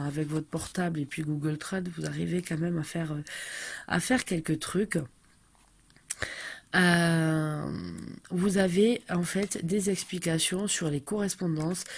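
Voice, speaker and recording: A woman's voice: lowish voice, darkish tone, husky. A woman in her thirties chatting casually through a tarot deck review, hesitant and full of fillers.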